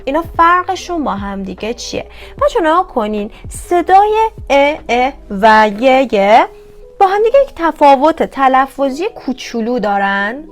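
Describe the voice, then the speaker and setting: A woman teaching Korean vowels in an online lesson, patiently repeating each sound slowly and addressing her viewers as kids. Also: high voice, sing-song, faint music behind.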